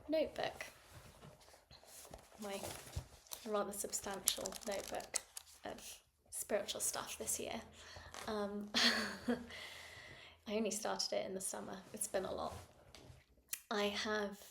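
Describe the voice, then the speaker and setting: A woman leading a guided meditation in a soft, gentle voice that often drops into a whisper. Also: mid-range voice, level tone, slow, gravelly, pauses often, slight background noise.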